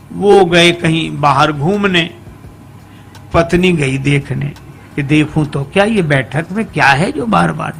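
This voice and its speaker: High-voiced, gravelly male storyteller. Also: a bit bright, a little hiss or hum. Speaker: religious storyteller. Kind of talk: humorous devotional story sermon with chanted verses.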